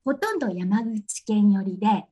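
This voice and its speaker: Woman, cute high anime-style voice, husky breathy texture, polite, hesitant, radio interview guest. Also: lively intonation, moderate pace, warm tone, lo-fi sound. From Japan, lives in Hiroshima Prefecture. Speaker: radio guest, fitness exercise instructor.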